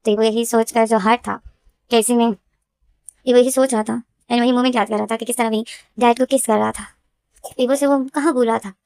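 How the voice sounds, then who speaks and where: High-voiced woman retelling a story. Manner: repetitive, emphatic retelling. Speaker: story explainer.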